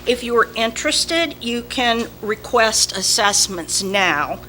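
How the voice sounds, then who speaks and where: A woman with a slow Southern drawl, reading a prepared announcement as a community volunteer at a public meeting. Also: a little high, expressive, bright, forceful tone. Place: indoor village board meeting. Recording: noisy public meeting room recording.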